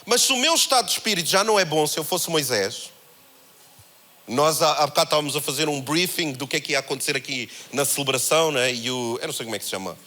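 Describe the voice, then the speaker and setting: A man with a European Portuguese accent preaching a sermon, in a conversational, animated way that acts out the voices he quotes. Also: on the high side, fast talker. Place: church held in a cinema.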